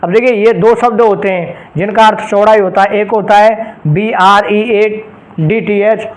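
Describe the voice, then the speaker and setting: High-voiced, slow-speaking male grammar teacher. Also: steady tone, low-quality recording. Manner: explains in Hindi, slowly reading out English example phrases; addresses students directly and checks understanding with rhetorical questions. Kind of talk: exam-prep grammar lesson.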